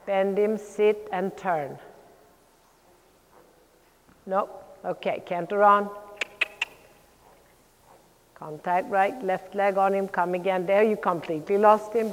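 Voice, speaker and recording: A woman coaching a riding lesson, calling out brisk, projected commands mixed with encouragement and blunt corrections. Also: medium pitch. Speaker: riding instructor, clinician. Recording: long echoing reverb of a large hall.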